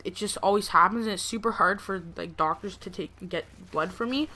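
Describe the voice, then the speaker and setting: Over gameplay footage, a young female creator rambles through a personal story, her casual speech peppered with "like" and "you know." She speaks a little fast, with a medium, bright, forceful voice, and there's slight background noise.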